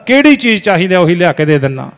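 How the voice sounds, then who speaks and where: A man's voice: high voice, big pitch swings, fast talker, fairly bright tone, heavily acted. A man voicing a proud, mighty emperor who boasts to his mother, in a sermon story. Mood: boastful. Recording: long hall reverb, faint music.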